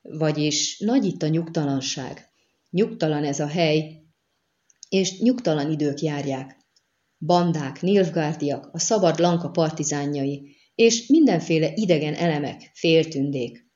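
A woman's voice: deep voice, warm tone, muffled recording, natural voice. A woman voicing a greedy, scheming male dwarf who haggles in a wheedling way, read in a storybook.

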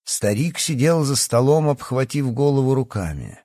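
Husky, expressive male audiobook narrator. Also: medium pitch, moderate pace, no room sound, clean studio sound. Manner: expressive storytelling.

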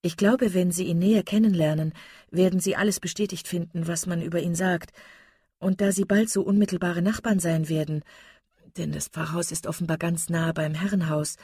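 Woman reading as a calm, sensible young lady. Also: fairly low pitch, normal speed, husky, no room sound, clean studio sound. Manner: calm, polite, even. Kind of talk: audiobook character reading.

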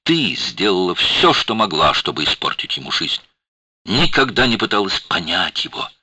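A man voicing an angry young woman who hurls accusations in a raised, lively voice. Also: low-pitched, moderate pace, breathy edge, dry recording, voice pushed up, exaggerated voice. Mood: outraged. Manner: shouting accusations, breathless outrage. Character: furious accusing young woman, fierce and shrill.

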